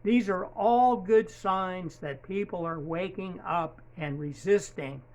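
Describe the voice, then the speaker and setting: A man calling in to a talk show and speaking in an indignant, deliberate way. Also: sits high, a little mellow.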